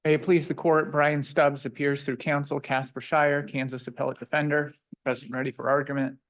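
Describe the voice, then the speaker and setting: A man's voice: fairly high pitch, level tone, brisk, fairly bright tone. A man speaking as an appellate defense lawyer, delivering a formal oral argument.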